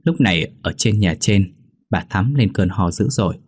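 A man narrating a ghost story in a steady, measured reading voice. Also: lowish voice, slightly rough.

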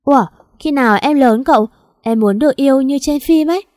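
A woman's voice: high voice, fairly quick, darkish tone, dry recording, studio quality, voice pushed up, close to an everyday voice. A woman voicing a naive, weepy young female servant who pleads in a whiny, tearful way. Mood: pleading.

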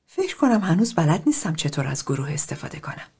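A woman's voice: low voice, big pitch swings, creaky, husky, exaggerated voice. A woman doing a tearful timid librarian. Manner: soft, hesitant, half whispered. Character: timid, self-blaming middle-aged woman librarian.

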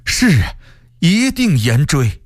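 A man voicing a frightened, fawning palace eunuch in a radio story, drawn-out and servile. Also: a little high, big pitch swings, noisy background, pitched above the performer's own voice.

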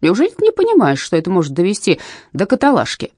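A woman's voice: medium pitch, huge pitch swings, fast talker, darkish tone, no room sound, studio quality, voice pushed up. A woman reading aloud, voicing a stern, principled middle-aged male schoolteacher who moralizes.

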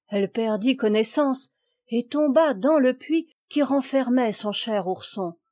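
A woman audiobook narrator reading a classic children's tale in a measured, expressive way. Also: mid-range voice. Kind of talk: scripted narration.

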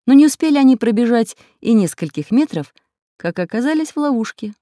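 A woman narrating a children's audiobook in an expressive storytelling manner. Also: fairly high pitch, a little fast, no echo, studio quality.

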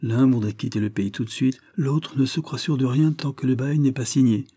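Fussy, exclamatory country lawyer, read by a man, dark husky voice, Victorian audiobook. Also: medium pitch, normal speed, pitched above the performer's own voice, natural voice. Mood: fretful.

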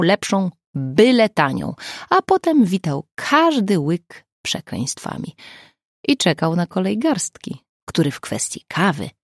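Gravelly-voiced woman narrating an audiobook. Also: lowish voice, no room sound, studio quality. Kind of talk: scripted narration.

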